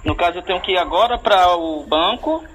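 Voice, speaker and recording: A man's voice: high-pitched, brisk, fairly bright tone. A man on a landline phone call, answering in short, hesitant replies and asking puzzled questions. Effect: heard over a landline phone. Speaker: person receiving the call. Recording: muffled phone line with faint hiss.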